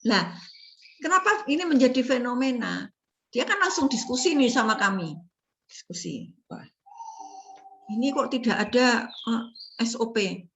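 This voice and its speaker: A middle-aged woman lecturer talks through nursing stories in a loose, chatty way, tossing rhetorical questions at her class. Her voice sits a little high, and a faint hiss of background noise runs under the recording. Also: unhurried, long pauses, lo-fi sound. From Indonesia. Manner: chatty, animated storytelling with laughs and rhetorical questions. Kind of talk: casual university lecture.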